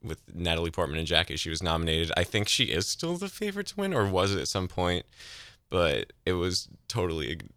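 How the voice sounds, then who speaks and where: A man's voice: deep voice, wildly swooping pitch, a little fast, bright, forceful tone, no room sound. A man co-hosting a casual film chat, talking thoughtfully with trailing restarts. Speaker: co-host. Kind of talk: casual chat about films.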